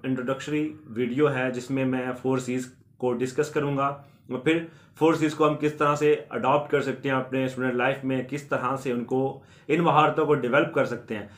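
A man's voice: medium pitch, steady tone, moderate pace. A man from Pakistan hosting an education channel, earnestly explaining to viewers in a repetitive way and mixing in many English terms. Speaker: YouTube education channel host.

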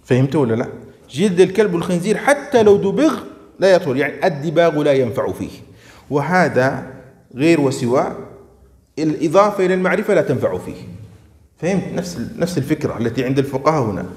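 A man teaching a grammar class who often checks that his students follow and slows down to stress each example he reads out. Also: a little high, animated, a little mellow, in a large hall. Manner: checks understanding with frequent questions to students; slows down and stresses words when reading out examples. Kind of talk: classroom lesson.

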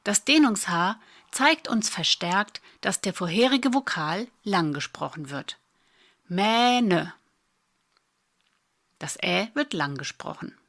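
A woman, teaching a spelling lesson in a patient, clear way with dry little asides. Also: on the low side, expressive, a little slow, fairly bright tone. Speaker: German spelling tutor. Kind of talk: slow explanatory lesson.

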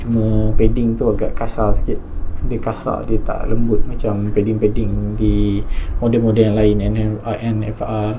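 A man's voice: fairly low pitch, completely flat delivery, normal speed, mellow, slight background noise, poor audio. A Malaysian man reviewing a motorcycle helmet in a casual, hesitant way, with many fillers, speaking while wearing a full-face helmet.

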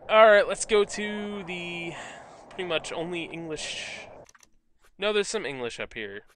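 A high, slightly bright male voice, unhurried, with a little background noise, belongs to a let's play commentator. He casually talks over his video game, cracking jokes and voicing the game text in silly ways while the music plays behind him.

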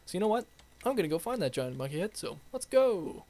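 A young man hosting a game video, chatting in an excitable, rambling way to his viewers. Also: fairly high pitch, racing. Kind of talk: playful let's-play commentary.

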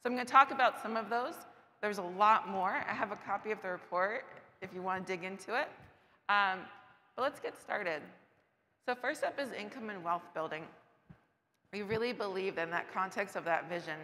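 Woman panelist, hoarse, bright tone, echoing market hall, faint hum. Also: mid-range voice, normal speed. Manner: earnest presenter walking through slides. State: losing her voice. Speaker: panelist presenting data. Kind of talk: public talk. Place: large covered market shed. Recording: distant voice with long hall reverb.

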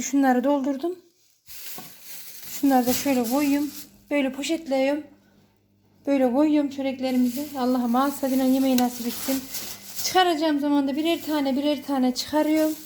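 A woman's voice: sits high, dark tone, a little hiss or hum. A woman vlogging at home, chatting casually as she works and adding short prayers. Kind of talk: casual narration while working.

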